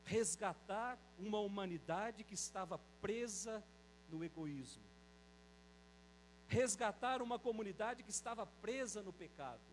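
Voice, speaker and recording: High-voiced Brazilian priest preaching. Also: male voice, expressive, slight background noise, poor audio. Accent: Brazilian Portuguese. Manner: slows down to read scripture aloud, tells folksy jokes. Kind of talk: Sunday homily.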